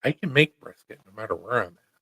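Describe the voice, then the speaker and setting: American male host, casual crude banter, mid-range pitch. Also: lively intonation, quick pace, vocal fry, bright, forceful tone, husky, dry recording, low-quality recording. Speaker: podcast host. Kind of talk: casual chat.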